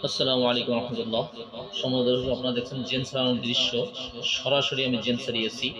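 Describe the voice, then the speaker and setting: A man's voice: mid-range voice, little pitch movement, fast, a crowd in the background, low-quality recording. A man working as an exorcist faith healer, speaking in an insistent, confrontational and preaching way. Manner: confrontational, insistent repeated questioning. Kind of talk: loud ritual interrogation and preaching.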